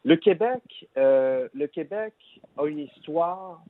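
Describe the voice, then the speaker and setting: A man speaking as a guest on a radio talk show, measured and pausing with fillers. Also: fairly high pitch, expressive, no echo, phone-quality sound. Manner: deliberate, hesitant with fillers. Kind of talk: radio discussion.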